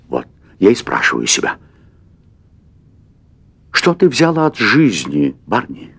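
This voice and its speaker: An actor in his fifties playing a nervous middle-aged restaurant owner who confesses at length, hesitating and repeating words, in a stage play recorded for television. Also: mid-range voice. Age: 50s. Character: anxious middle-aged man, restaurant owner craving adventure. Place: theatre stage set as hotel room.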